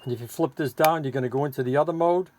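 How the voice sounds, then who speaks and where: A man with a voice on the high side races through an informal, rambling, hands-on demo of a homemade radio gadget he's selling. The recording is noisy and has clicks.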